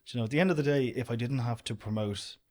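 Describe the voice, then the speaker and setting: This young Irish podcast guest, owner of an outdoor business, talks quickly in a mid-pitched voice. His easygoing chat drifts around, and he leans heavily on the phrase "do you know."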